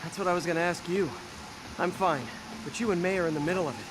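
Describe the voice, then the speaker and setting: An actor playing a quippy young male superhero in a video game, talking in an earnest, quick way. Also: sits high, background noise, lightly acted. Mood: caring. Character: young adult male web-slinging hero, quippy. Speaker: game character. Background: game music.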